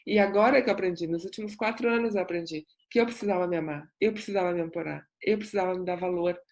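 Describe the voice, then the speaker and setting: A woman's voice: lowish voice, fast talker, darkish tone. Earnest woman sharing testimony. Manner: earnest, reflective, repetitive emphasis. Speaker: self-development coach. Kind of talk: personal testimony monologue.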